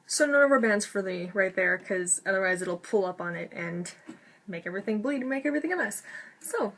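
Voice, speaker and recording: A woman with braces chatting casually to camera as a vlogger, rambling and interrupting herself as she goes. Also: medium pitch. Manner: talking with braces.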